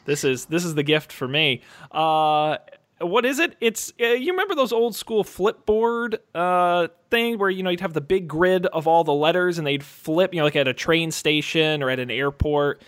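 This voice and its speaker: A man co-hosting a casual podcast, talking informally and enthusiastically, as if pitching gadgets to friends. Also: animated, moderate pace, a bit bright. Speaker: podcast co-host.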